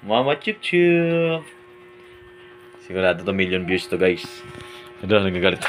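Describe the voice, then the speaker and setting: Filming a playful vlog inside his home, a man with a low, very animated voice teases and chats, with faint music in the background. He keeps saying "guys" and "idol" and stretches words into sing-song, drawn-out calls.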